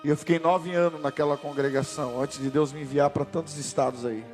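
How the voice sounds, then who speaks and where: A man in his forties from Brazil, a pastor preaching a sermon and telling his own story, swelling louder and higher at the climaxes. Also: fairly even intonation, fairly quick, soft background music. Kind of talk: sermon with personal testimony.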